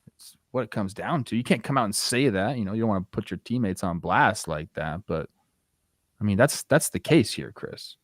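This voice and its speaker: A man's voice: lowish voice, animated, normal speed, no room sound. Casual male sports co-host, dry sound. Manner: informal, conversational. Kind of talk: casual baseball discussion.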